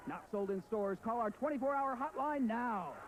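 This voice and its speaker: A man doing a hype infomercial pitch as a commercial announcer, in the salesman style of a ring announcer. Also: animated, moderate pace, a little hiss or hum.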